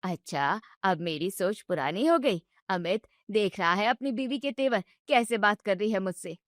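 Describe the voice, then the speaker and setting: A woman's voice: medium pitch, expressive, normal speed, no room sound, studio quality, natural voice. A woman voicing a bossy mother-in-law who scolds her daughter-in-law sharply. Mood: scolding.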